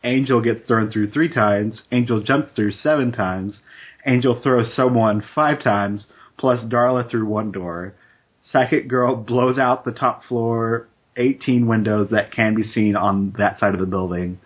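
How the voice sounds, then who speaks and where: Husky guy chatting on a podcast, kinda muffled lo-fi sound, relaxed. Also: medium pitch. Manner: relaxed, laughs easily, quick asides. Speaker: podcast co-host. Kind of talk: casual chat, reading statistics aloud.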